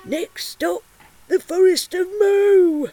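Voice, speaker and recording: A woman voicing a very old male train conductor who shouts out the stops. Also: extremely high pitch, slow pace, background noise, voice pushed up. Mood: announcing. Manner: shouting, announcing.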